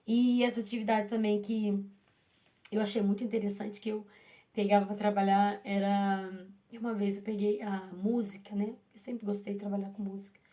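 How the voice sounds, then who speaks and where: A woman's voice: medium pitch, level tone, normal speed, mellow. A woman who teaches primary school, telling her classroom story in a chatty, casual way full of restarts and asides to her listeners.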